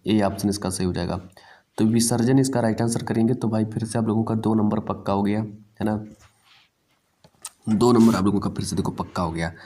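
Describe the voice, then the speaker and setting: A man with a low, mellow voice runs through an exam-prep language lesson. He drills each word again and again and keeps calling the students "bhai". His delivery is easy and unhurried. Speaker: teacher.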